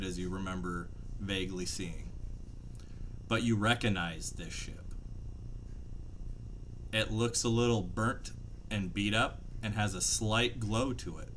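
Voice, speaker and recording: A man narrating a tabletop fantasy game as game master, telling it dramatically with pauses. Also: fairly low pitch, fairly bright tone. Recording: faint background room noise.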